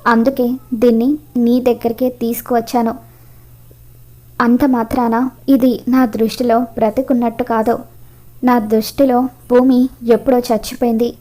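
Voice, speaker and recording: A woman reading the lines of a stern, angry middle-aged father in a flat, read-out way. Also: a little high, normal speed, pauses often, natural voice.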